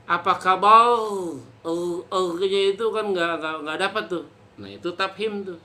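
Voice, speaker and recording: A man, teaching a Quran reading lesson to children in a casual, joking way and drawing out the example words slowly. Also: high-pitched, fairly bright tone.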